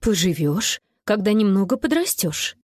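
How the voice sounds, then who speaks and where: A gently firm mother speaks in a lowered, measured and soothing way, as a woman reads her in an audiobook. Her intonation still moves a lot, and the sound is dry and close. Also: sing-song, no room sound. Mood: calm. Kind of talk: audiobook character voice.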